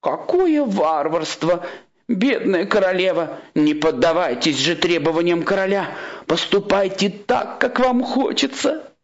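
A man's voice: high-pitched, big pitch swings, a little slow, pitched above the performer's own voice, exaggerated voice. A cunning storybook trickster in a monk's disguise, coaxing and coolly ironic, played by a male reader in a raised voice that drawls out key words. The recording sounds slightly muffled. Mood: persuasive. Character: sly disguised monk, a cunning little grey man.

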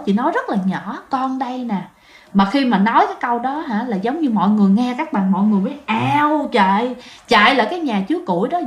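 A woman tells a ghost story in a chatty way, often turning to speak straight to her listeners. Her voice sits a little high. The recording carries a noticeable roomy echo. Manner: chatty, addresses listeners directly.

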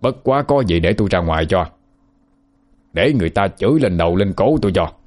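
A man voicing a gruff, irritable older village husband who scolds curtly. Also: low voice, expressive, brisk, a little mellow, soft background music. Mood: angry. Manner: curt, scolding.

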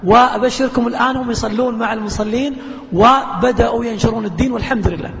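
A quick, high-voiced man preaches, animated and earnest. He sounds muffled, with a long reverb trailing through a big lecture hall. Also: creaky. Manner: animated storyteller, earnest exhortation. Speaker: preacher answering questions. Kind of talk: lecture with audience Q&A.

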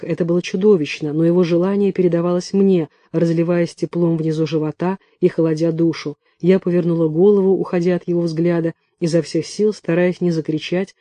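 A man reading first-person fiction aloud in a hushed, tense storytelling manner. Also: sits high, no echo. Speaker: audiobook reader.

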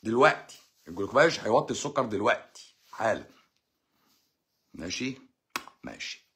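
A man with an Egyptian accent rattles through viewer questions at a fast clip. His voice sits fairly low, and he answers bluntly with a sarcastic, mocking edge. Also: sing-song, fairly bright tone. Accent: Egyptian Arabic. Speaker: doctor hosting a live stream. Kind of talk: live-stream Q&A.

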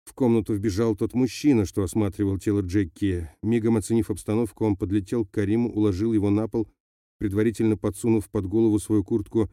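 A man narrating an audiobook in a steady, measured reading voice. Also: lowish voice, no room sound, clean studio sound. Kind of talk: scripted narration.

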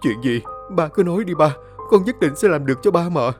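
An anxious middle-aged son calls out in a raised, urgent voice. A man performs him, lifting his pitch noticeably. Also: animated, a little fast, soft background music, lightly acted. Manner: loud, pleading calls.

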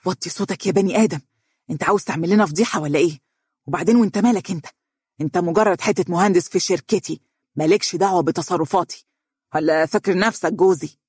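A man voicing a haughty, sharp-tongued Egyptian businesswoman. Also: high voice, fairly even intonation, brisk, no room sound, clean studio sound, natural voice. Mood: scornful. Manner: sharp, scornful, domineering. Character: bossy, haughty businesswoman, adult. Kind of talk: audiobook character reading.

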